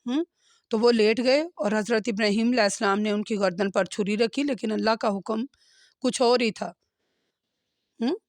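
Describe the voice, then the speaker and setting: A woman's voice: on the high side, normal speed, pauses often, no echo, studio quality. A woman giving a religious lesson in speech, explaining verses earnestly and checking in with listeners with a questioning "hmm?". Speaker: religious teacher. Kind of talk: Quran lesson with commentary.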